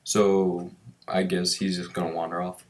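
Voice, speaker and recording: A young man casually commenting on his strategy-game raids, chatty and relaxed as he explains each move. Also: low voice, normal speed. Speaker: gaming commentator.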